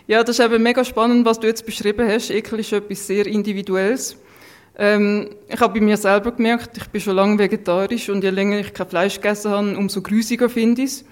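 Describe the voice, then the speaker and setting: A Swiss woman in her thirties, a food scientist, speaks casually and reflectively as a podcast guest with a mixed Swiss German accent from Lucerne, Thurgau and Zurich. Her voice is medium-pitched with fairly even intonation and a slightly fast pace.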